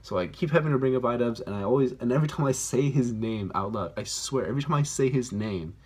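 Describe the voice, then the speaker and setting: A man with a medium-pitched, darkish voice and a breathy edge talks fast, casually addressing the camera on his own channel. His rambling, self-deprecating vlog chatter is packed with fillers and captured on a phone camera mic.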